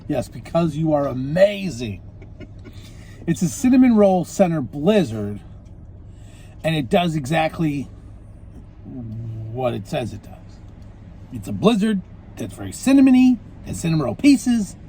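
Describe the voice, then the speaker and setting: Lively-voiced man reviewing food. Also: fairly high pitch, unhurried, long pauses, a little hiss or hum. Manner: chatty, talks with mouth full. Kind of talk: casual food review chat.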